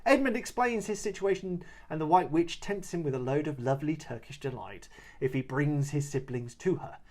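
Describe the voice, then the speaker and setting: A man's voice: a little high, expressive, normal speed, a little mellow. A man hosting a casual film podcast, reading out plot summaries and teasing his co-host. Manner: playful, teasing, laughs easily.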